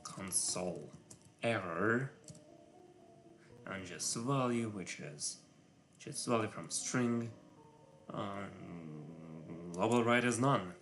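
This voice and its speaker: A man whose first language is Russian, speaking English with a Russian accent while thinking aloud on a live coding stream, halting and full of filler sounds. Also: on the low side, expressive, fairly bright tone, soft background music. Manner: halting, many filler sounds, muttering to himself; self-conscious about his English voice.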